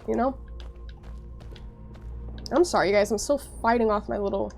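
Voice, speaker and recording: With faint music behind her, a woman with a cold chats casually to viewers while streaming a game, peppering her speech with "like." Her voice is fairly high with vocal fry and a darkish tone, at a normal speed.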